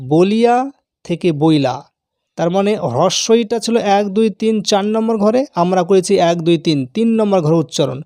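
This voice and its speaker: A man teaching a grammar lesson, explaining slowly and patiently and repeating the key terms. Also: high-pitched, a little mellow, no room sound, studio quality.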